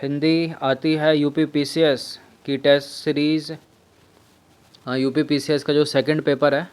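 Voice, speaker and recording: A man teaching an exam-prep spelling lesson, repeating words over and over and putting questions to his students. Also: fairly high pitch.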